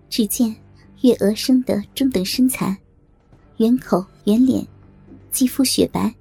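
A woman tells a historical tale with a steady, even-paced reading. Her voice sits a little high and mellow, with a soft breathy edge. Faint music plays underneath. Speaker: storyteller. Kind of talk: scripted narration of a historical tale.

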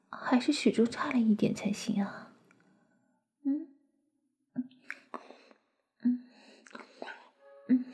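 A woman voicing a flirtatious, teasing sister-in-law in an intimate audio roleplay, speaking in a breathy close whisper. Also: a little high, mellow, heavily acted. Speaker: voice actress in an adult audio roleplay.

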